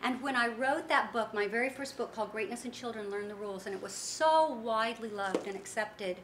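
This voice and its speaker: A woman with a high, bright voice gives a motivational talk and tells her stories with lively acted-out quotes. Her voice rings through a roomy, echoing event space. A faint hum of background noise sits behind her. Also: fairly quick. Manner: animated storytelling with acted-out quotes. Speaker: speaker and founder of a women's business network.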